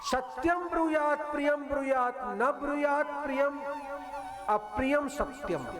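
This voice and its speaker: A man giving a devotional story sermon, teaching through parables and asking and answering his own questions. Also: extremely high pitch. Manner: chants scripture verses in a drawn-out singing tone. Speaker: spiritual preacher.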